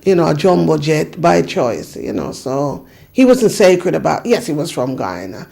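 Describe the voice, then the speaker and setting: Gravelly-voiced woman reminiscing. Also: low-pitched, big pitch swings, normal speed, mellow. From Jamaica. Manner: earnest, thoughtful, frequent restarts and "you know". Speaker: community activist. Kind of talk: reflective interview recollection.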